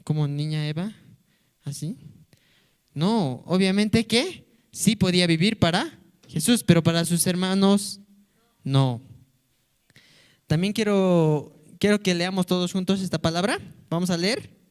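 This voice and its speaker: A man's voice: high voice, a little slow, pauses often, clear, resonant tone. A man teaching a children's church lesson, playfully asking the kids question after question. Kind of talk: Sunday-school lesson for children.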